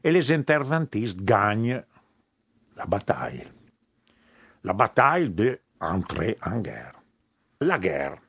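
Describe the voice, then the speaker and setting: Slow, animated Italian-accented man. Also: lowish voice, breathy edge, no room sound. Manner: emphatic, halting with fillers. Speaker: historian interviewee. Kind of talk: interview explanation.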